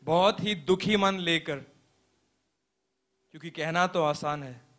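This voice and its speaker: A young man playing a pastor in a stage play, telling a parable as a sermon in a slow, earnest preaching manner with deliberate pauses. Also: a little high, a bit bright. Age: young adult.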